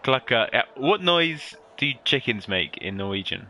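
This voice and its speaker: Bright-voiced male race commentator, lively. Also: mid-range voice, unhurried, a little hiss or hum. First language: English. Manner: lively, playful banter, excited at overtakes. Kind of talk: sim racing commentary.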